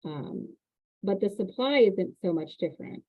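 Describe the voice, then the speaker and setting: A woman hosting a casual chat about renting, telling animated stories about parking. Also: mid-range voice, normal speed. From Indiana. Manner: chatty, animated storytelling with laughs. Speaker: real estate agent and host. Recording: tinny phone-like line.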